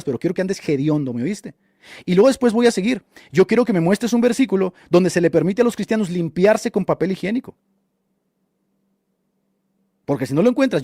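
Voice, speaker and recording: Fast, high-voiced scornful male radio host. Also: mellow, no room sound, studio quality. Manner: mocking and scornful, insults opponents; argumentative, lecturing with rhetorical questions. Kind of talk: combative live commentary answering a chat.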